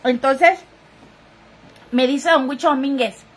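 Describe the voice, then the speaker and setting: A woman chats through a gossip live stream, addressing her viewers directly and reading their comments aloud. Her voice sits high, and she sounds a little sniffly. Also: slow pace. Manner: chatty, talking straight to viewers. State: sniffly, runny nose.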